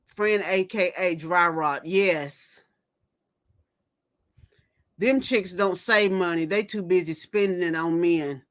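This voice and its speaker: A woman's voice: on the low side, takes it slowly, pauses often. A woman in her fifties hosting a casual livestream, gossiping and reading viewer comments aloud before reacting to them. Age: 50s. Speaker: livestream host. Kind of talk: casual chat.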